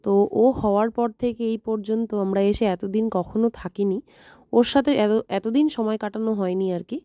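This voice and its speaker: Fairly quick in pace, this vlogger's voice comes through dry and studio-clean. She has a Bengali accent and chronicles her days at home on a handheld phone for a relaxed family vlog, turning sing-song and high when cooing at a baby and hushed and low early in the day.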